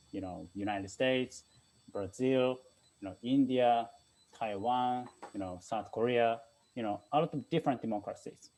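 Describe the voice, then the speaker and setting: Man, dark husky voice. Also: mid-range voice, poor audio. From Japan. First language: Japanese. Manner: frequent "you know" fillers, stresses key points. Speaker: guest speaker, China scholar. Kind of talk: lecture-style talk.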